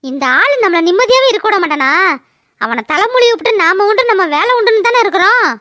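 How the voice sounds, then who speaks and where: A woman's voice: extremely high pitch, expressive, bright, forceful tone, no room sound, studio quality, exaggerated voice. Woman voicing a fiery young village wife. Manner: indignant, protective, quick retorts. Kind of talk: cartoon voice acting.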